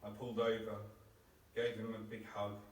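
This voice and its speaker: A man reading a eulogy for his great uncle in a steady, heartfelt way. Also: fairly low pitch, moderate pace, slight background noise. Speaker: relative giving a eulogy. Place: crematorium chapel. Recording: roomy chapel, distant mic.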